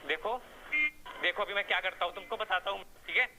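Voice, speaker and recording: A man's voice: high-pitched, steady tone, fast, noisy background. A man hosting a prank vlog, teasing and arguing in casual banter. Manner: teasing and argumentative. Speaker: prank vlogger.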